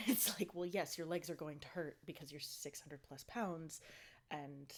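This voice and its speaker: A fitness vlogger records a casual video diary in a low, lively voice, speaking a little slowly. She sounds slightly out of breath and stuffy-nosed, rambling along with plenty of ums and likes.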